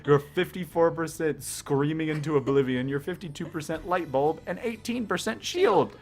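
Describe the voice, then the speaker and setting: A man's voice: on the high side, normal speed. A man playing a story game with a friend, reading the text aloud in a playful, dramatic way. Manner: dramatic, animated narration with voice play.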